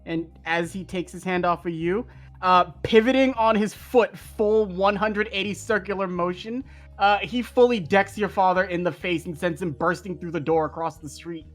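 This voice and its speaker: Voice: medium pitch, normal speed. A game master narrating an improvised tabletop role-playing scene for a stream. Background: music.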